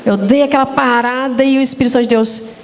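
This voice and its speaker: Animated Brazilian woman hosting a church talk. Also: high voice, fast. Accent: Brazilian Portuguese. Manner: animated storytelling, addresses audience as "gente". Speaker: talk show host. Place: church event stage.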